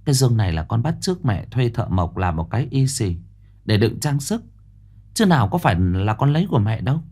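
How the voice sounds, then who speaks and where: A man voicing a composed young daughter-in-law who answers politely and evenly. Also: mid-range voice. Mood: calm. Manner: calm, polite, measured.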